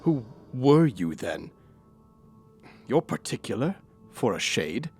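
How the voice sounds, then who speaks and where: An actor playing a bitter, skeptical but frightened old Victorian miser in an audio drama, husky and theatrical, curt or pleading. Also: male voice, mid-range voice, big pitch swings, slow pace, a little mellow, soft background music, exaggerated voice. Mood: wary disbelief.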